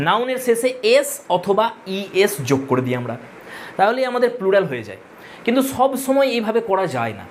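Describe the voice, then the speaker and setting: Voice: medium pitch, very animated, a little fast, slight background noise. A teacher giving an exam-prep grammar lesson, repeating rules drill-style, spelling words out letter by letter and correcting pronunciation. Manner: addresses students directly and corrects pronunciation.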